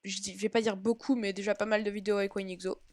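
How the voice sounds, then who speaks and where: A woman's voice: medium pitch, little pitch movement, darkish tone, no room sound. Hesitant woman explaining game commands. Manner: halting, hesitant, self-correcting explanations. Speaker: Minecraft tutorial maker. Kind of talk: casual screen-recorded game tutorial. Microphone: own home microphone.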